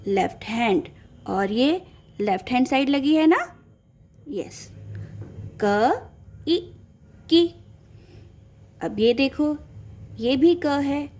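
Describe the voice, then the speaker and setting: Slow, clear-speaking woman teacher. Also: a little high, darkish tone. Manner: asks questions and answers them herself. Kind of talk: children's lesson.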